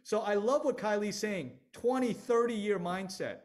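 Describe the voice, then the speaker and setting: A middle-aged man speaking on a video call in an online panel discussion, energetic and emphatic, often restarting his sentences. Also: sits high, unhurried. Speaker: venture capital panelist.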